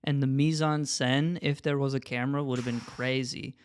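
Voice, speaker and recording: A man's voice: medium pitch, steady tone, normal speed, clean tone, no room sound, studio quality. A young man co-hosting a podcast in casual chat, who keeps cracking up with laughter in the middle of his sentences. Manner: giggly, keeps breaking into laughter mid-sentence. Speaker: podcast co-host.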